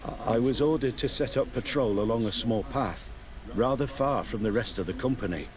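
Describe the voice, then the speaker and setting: Set against background crowd noise, this video game performance features an actor as a nervous guard who evasively explains himself to his superiors, stammering and deferential. His mid-range voice sounds natural and moves at a normal speed.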